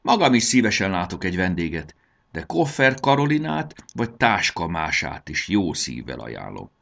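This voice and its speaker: A man's voice: low voice, wildly swooping pitch, vocal fry, a bit bright, heavily acted. A man reading a storybook aloud and voicing a friendly, shrewd old talking suitcase with a cheerful, bargaining manner. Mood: eager.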